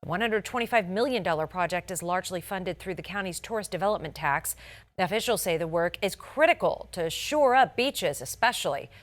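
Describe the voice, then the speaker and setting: An American woman anchors a scripted local TV newscast with polish, pressing hard on key words. Her voice sits on the low side and comes across animated and fairly quick.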